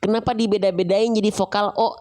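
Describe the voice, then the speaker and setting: A woman teaching Quran reading to viewers. She poses questions to herself and answers them, drawing out syllables slowly to demonstrate each sound. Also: medium pitch. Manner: slow, drawn-out sound demonstrations; casual, relaxed phrasing. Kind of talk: tajwid lesson to viewers.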